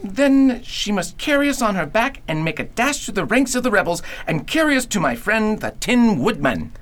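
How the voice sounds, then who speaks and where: A woman's voice: medium pitch, big pitch swings, normal speed, natural voice. A woman playing a genial, grandly formal scarecrow king in an audio drama. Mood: decisive. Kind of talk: theatrical audio drama acting.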